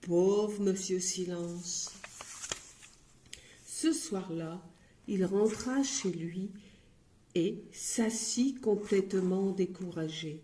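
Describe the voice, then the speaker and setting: A woman reading a children's story aloud in an expressive, playful way, recorded in an echoey room. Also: medium pitch, extremely slow, long pauses, a little hiss or hum.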